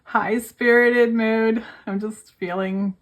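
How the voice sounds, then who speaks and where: Her voice a little high and giving out from a cold, a worn-out young woman talks slowly to camera about her budget with fairly even intonation. She's a budgeting vlogger and speaks casually to her audience, calling them "you guys."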